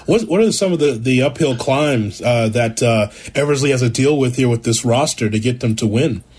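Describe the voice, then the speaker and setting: A man's voice: medium pitch, moderate pace, a little mellow, breathy edge. A man hosting a sports radio show who interviews a guest and comments, in a conversational way with fillers.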